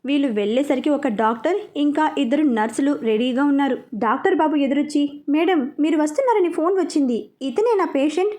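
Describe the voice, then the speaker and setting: A woman's voice: high-pitched, brisk, few pauses, darkish tone. A woman narrating a serialized romance story aloud, reading every character's lines herself with little change of voice.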